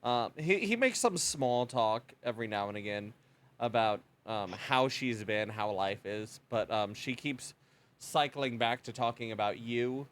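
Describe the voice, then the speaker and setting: A man's voice: medium pitch, unhurried, a bit bright. A man acting as game master, describing a tabletop scene in a hesitant way full of fillers.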